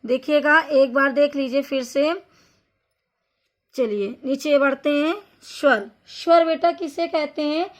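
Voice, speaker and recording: A woman's voice: high-pitched, steady tone, slow pace. A woman teacher giving a Hindi grammar lesson, patiently repeating each point and addressing the listener as a child.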